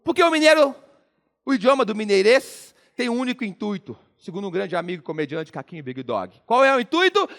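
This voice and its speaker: A man's voice: high voice, very animated, brisk, fairly bright tone. A man from Minas Gerais with a mineiro Brazilian accent, giving a playful comic stage talk and teasing the audience with jokes. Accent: Minas Gerais Brazilian Portuguese. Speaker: motivational speaker.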